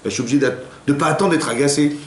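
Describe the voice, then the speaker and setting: Here a rabbi with a fairly high-pitched, rapid-fire delivery gives women an informal class in a community hall. He talks conversationally, with many repetitions and restarts, and acts out the words of quoted spouses. The room echoes and hums faintly.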